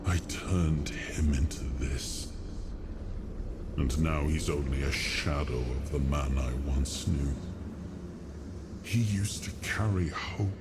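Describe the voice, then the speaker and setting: A man's voice: heavy background noise, exaggerated voice. An actor playing a weary, guilt-ridden fallen warrior king in a video game, with a grave, solemn, regretful delivery. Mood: pained regret. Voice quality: very low, grave voice. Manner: slow, solemn, regretful monologue. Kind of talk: dramatic video game cutscene monologue.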